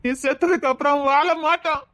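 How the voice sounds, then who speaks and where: Actress as pleading young woman, Tirunelveli Tamil accent, tearful, high voice, dry sound. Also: fairly even intonation, fairly quick, fairly bright tone, no echo. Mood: begging. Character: young woman desperately begging her friend to live.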